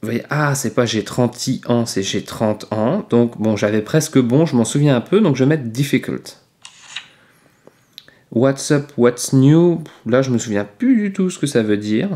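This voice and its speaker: Warm and a little slow, a mid-range male voice belongs to a channel host teaching French in a relaxed video lesson. His explanations are patient yet full of hesitations, heard against a roomy echo.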